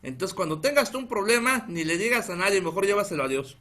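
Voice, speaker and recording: A pastor in his thirties with a northern Mexican accent, preaching in an animated storytelling way and calling out to the brethren again and again. His voice is bright and forceful and sits a little high for a man. He chuckles at his own story. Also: fast talker. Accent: northern Mexican Spanish. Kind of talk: storytelling sermon to a congregation.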